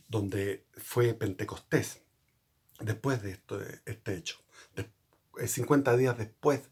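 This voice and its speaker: A man's voice: on the low side, breathy edge. A man hosting his own channel, giving an earnest unscripted religious monologue. He rambles, often restarting and correcting himself mid-sentence. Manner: earnest and explanatory. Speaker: channel host.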